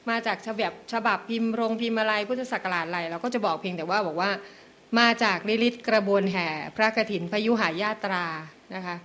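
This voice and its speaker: A woman's voice: mid-range voice, fairly bright tone. A woman lecturer at a meeting, carefully and politely explaining reading rules step by step. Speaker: invited lecturer.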